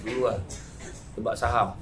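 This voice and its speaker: A man with a Malaysian Malay accent giving a lively motivational talk, telling anecdotes in an animated way, jumping between loud outbursts and quiet asides and chuckling often. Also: mid-range voice, moderate pace, soft background music. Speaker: motivational speaker. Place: event venue before a live audience.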